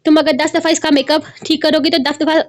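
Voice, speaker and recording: A woman's voice: high-pitched, flat delivery, fast, close to an everyday voice. A woman reading aloud as an angry, domineering young man giving stern orders. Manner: stern, commanding.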